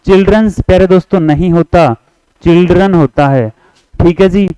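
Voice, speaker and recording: Speaking with a Haryanvi Hindi accent, a man teaches English grammar for exam prep, repeating points, coaxing students to answer along, and reading example sentences slowly. His voice is fairly high, dark, clear and resonant. There's no echo, but the audio is dull.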